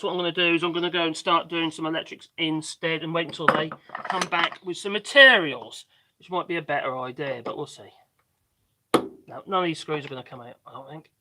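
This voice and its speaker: A man with a slightly mixed Norfolk English accent and a squeaky voice, chatting casually and ramblingly as he hosts a livestream. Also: very noisy. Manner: rambling, chatty, self-interrupting. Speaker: livestream host doing DIY work.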